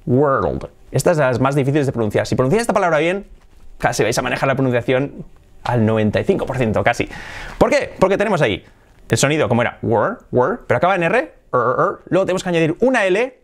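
A man's voice: mid-range voice, racing. A man whose first language is Spanish, teaching English pronunciation in a playful way, exaggerating sounds and joking with viewers. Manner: playful, exaggerated demonstrations of sounds, frequent laughs; direct address to viewers, lively. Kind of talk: pronunciation lesson for a video channel.

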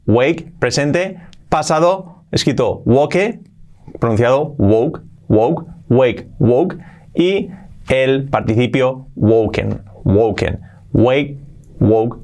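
A man, hosting a podcast as an English teacher in a casual lesson, who drills words by slow repetition and adds chatty asides. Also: mid-range voice.

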